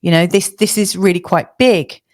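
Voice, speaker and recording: Slightly hoarse woman astrologer, lower voice. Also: normal speed, darkish tone. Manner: chatty, many fillers and restarts. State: slightly hoarse, losing her voice. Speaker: astrologer giving a weekly forecast. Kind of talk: casual spoken forecast to camera.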